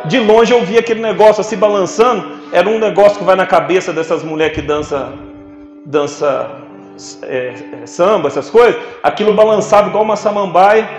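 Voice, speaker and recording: A man's voice: high voice, a little fast, highs cut off, soft background music. A man preaching a sermon, telling stories with humor and calling on the congregation to respond. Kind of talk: sermon with storytelling. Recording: echoey church hall.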